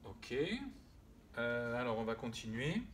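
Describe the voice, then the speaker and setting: Slow, patient French teacher, man. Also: medium pitch, fairly bright tone, slight background noise. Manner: slow, patient, repeats words and sounds aloud; hesitant, with frequent "euh" and self-corrections. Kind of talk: spelling and pronunciation lesson.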